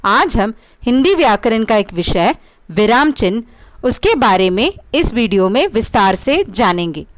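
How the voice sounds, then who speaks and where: A woman teaches a grammar lesson in a clear, measured way, pausing to read out example sentences. Her voice sits fairly high and rises and falls a great deal. The sound is close and dry, with no room echo. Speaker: teacher and channel host.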